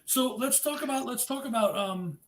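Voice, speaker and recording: A man hosting a live-streamed interview, upbeat and chatty, giving shout-outs to viewers. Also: very high-pitched, moderate pace. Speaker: podcast host. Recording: echoey room with faint noise.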